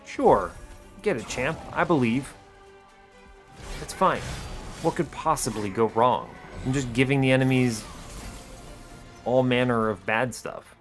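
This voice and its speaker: With music in the background, a man narrates gameplay casually, keeping his comments short, low-key, and dry. He speaks in a mid-range voice at a measured pace, leaving long pauses.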